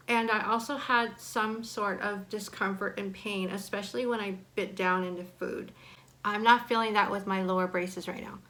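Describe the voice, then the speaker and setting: A woman's voice: mid-range voice, a bit bright, poor audio. Woman in her forties talking with braces. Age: 40s. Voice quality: speech slightly impeded by braces and bite blocks. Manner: candid, personal sharing. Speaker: vlogger. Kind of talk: casual chat to camera.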